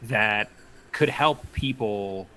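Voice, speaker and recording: A man's voice: on the low side, very slow, pushed and bright, a little hiss or hum. A man co-hosting a casual livestream chat about tabletop games, thinking aloud with lots of fillers. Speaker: podcast co-host.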